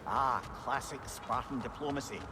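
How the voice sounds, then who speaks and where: An actor playing a wry, diplomatic male counselor who talks in a lively, dry way. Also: medium pitch, normal speed, close to an everyday voice. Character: wry talkative male talking head, counselor. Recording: game audio with loud noise.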